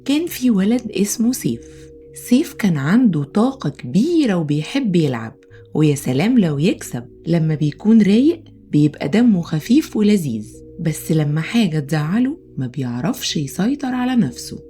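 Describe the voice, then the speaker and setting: A woman with an Egyptian accent narrating a children's bedtime story in an expressive storytelling manner. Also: lowish voice, moderate pace. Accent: Egyptian Arabic. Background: soft music.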